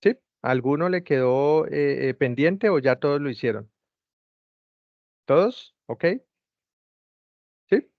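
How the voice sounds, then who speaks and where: A slightly high-voiced man, animated yet slow, leaves long pauses as he tutors an online class by video call. He patiently repeats step-by-step instructions, and the call audio is dull, lo-fi, and dry.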